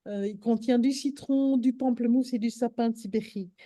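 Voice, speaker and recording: Woman, casual live-stream chat, halting with fillers, slightly high voice, dry close sound. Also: fairly even intonation, warm tone, dry recording. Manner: hesitant, many fillers and restarts. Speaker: host of a live stream on essential oils.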